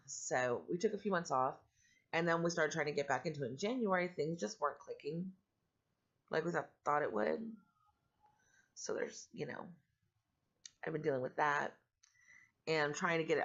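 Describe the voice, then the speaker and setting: A middle-aged woman talks candidly to her vlog in a growly voice, rough from allergies. She rambles along in a plain, matter-of-fact way. The recording sounds a little dull and lo-fi. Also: low voice, lively intonation, moderate pace, long pauses. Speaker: vlogger and foster parent. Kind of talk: casual personal vlog talk.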